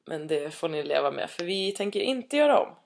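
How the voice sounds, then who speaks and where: A young woman, co-hosting a casual podcast chat, hesitant and self-mocking, quick to laugh. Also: lowish voice, big pitch swings, vocal fry. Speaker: podcast co-host.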